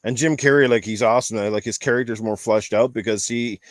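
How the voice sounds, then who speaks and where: A man with a mid-range voice and fairly even intonation speaks a little fast in clean studio sound with no room sound. As a podcast panel host in a casual chat about games and films, he gives rambling opinions with emphatic repetition.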